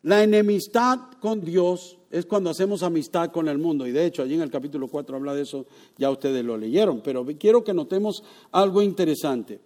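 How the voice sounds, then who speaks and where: High-voiced preacher man, soft to loud. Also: a little fast. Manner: dynamic preaching, swings from loud to hushed; asks the congregation questions, acts out voices. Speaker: pastor. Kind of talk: sermon.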